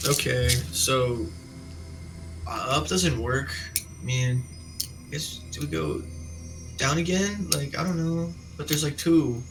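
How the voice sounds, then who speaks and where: A man's voice: fairly high pitch, slow pace, pauses often, low-quality recording. Young guy player, rambly and unsure, says like a ton, music behind. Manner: rambling, hesitant, lots of "like". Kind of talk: casual tabletop game chat.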